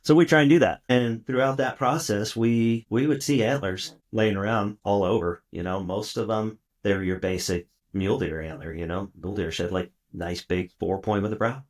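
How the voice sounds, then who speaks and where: A middle-aged man from South Texas speaks as a podcast guest. His voice sits very low. He tells his stories in a loose, rambling way, full of fillers and restarts. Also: steady tone, normal speed, hardly any pauses. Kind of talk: casual storytelling interview.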